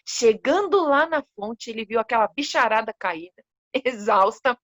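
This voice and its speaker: Animated Brazilian woman telling a story. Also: on the high side, normal speed, no echo, muffled recording. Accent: Brazilian Portuguese. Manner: animated, expressive, with gasps. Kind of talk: storytelling for children.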